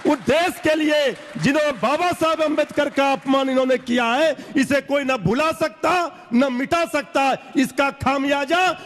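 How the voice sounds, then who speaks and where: A man's voice: very high-pitched, unhurried, few pauses, a bit bright. A man speaking as a panelist in a televised debate, making impassioned and rhetorical points with strong emphasis. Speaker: political panelist. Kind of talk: heated TV debate. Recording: long reverb.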